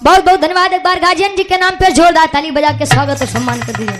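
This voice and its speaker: A woman with a Bhojpuri accent performing Birha folk song on stage, telling an epic story in speech and then stretching her lines into long drawn-out sung verses. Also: extremely high pitch, music in the background. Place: live outdoor stage show.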